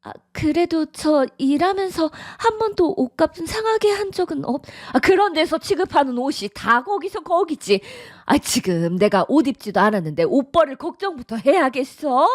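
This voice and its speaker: A stubborn, contemptuous mother-in-law who sighs and scolds her way through every line, voiced by a synthetic woman. The voice sits fairly high and sounds close and dry, with no room around it. It has the polished evenness of a studio audio drama. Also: very animated, normal speed, few pauses, dry recording. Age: middle-aged. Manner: nagging, sighing, sharp scolding.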